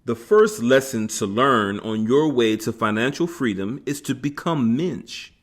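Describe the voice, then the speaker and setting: A man reading a self-help book aloud in a measured, emphatic way. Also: medium pitch, animated. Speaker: audiobook reader.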